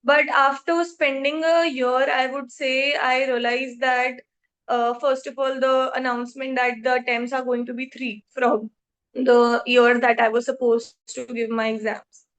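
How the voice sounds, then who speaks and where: Young woman, Indian accent, high voice, articulate, self-assured, podcast guest answering questions. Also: level tone, a little slow, fairly bright tone. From Jaipur, India. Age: 20s. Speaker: podcast guest, accountancy trainee. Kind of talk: interview answers about career.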